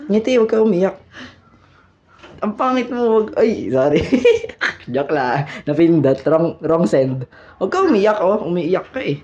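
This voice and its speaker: A man's voice: fairly high pitch, big pitch swings, measured pace, darkish tone, lo-fi sound. A man with a Filipino accent hosting a vlog, teasing and playful, laughing at his own jokes. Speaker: vlogger host. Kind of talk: casual joking vlog chat.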